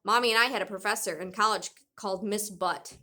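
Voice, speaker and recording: A woman's voice: mid-range voice, fairly quick, lightly acted. A woman voicing a playful, joking father in a storybook read-aloud. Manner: teasing and excitable.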